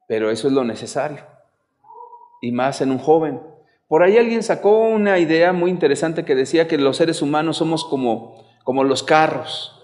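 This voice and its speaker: Male family speaker, a bit high-pitched, chatty public talk, long echo of a large hall. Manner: conversational, asks the audience questions, lively examples.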